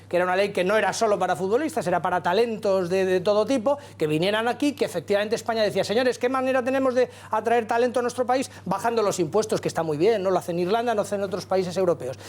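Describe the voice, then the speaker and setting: A Spanish man holding the floor in a heated TV studio debate. His voice sits high and he talks at a racing clip. He is colloquial and throws in rhetorical asides. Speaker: political talk show panelist.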